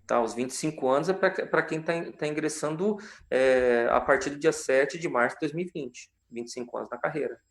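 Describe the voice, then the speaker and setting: A man's voice: fairly high pitch, a little fast, few pauses. A man working as a lawyer, answering questions on a live stream in an explanatory way, with many fillers and tag questions. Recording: roomy echo.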